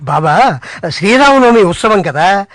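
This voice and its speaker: A man's voice: high-pitched, sing-song, fairly bright tone, no room sound, clean studio sound, full character voice. An actor playing an eager, devoted male disciple who readily agrees. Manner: obliging, quick to agree. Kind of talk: devotional drama dialogue.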